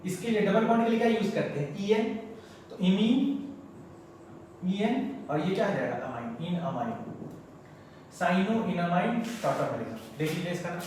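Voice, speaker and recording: A male chemistry teacher, lecturing at the board in a chatty, coaxing way and repeating terms slowly for students. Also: high voice. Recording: very echoey room, mic far off, faint noise.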